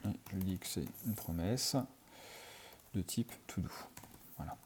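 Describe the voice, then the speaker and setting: A man's voice: low-pitched, measured pace, a little mellow, slight background noise. A man teaching programming in a screencast, talking through his code as he types, with many fillers. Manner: thinks aloud while typing, many fillers. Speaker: programming tutor. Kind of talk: screencast coding tutorial.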